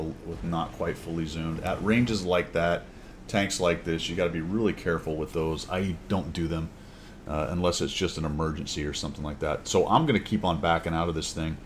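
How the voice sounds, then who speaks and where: A man with a low, deep voice gives casual commentary over his own gameplay recording. He is chatty and wry, and exclaims or chuckles when a play goes well. A faint background hum sits under his voice. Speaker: gaming channel host.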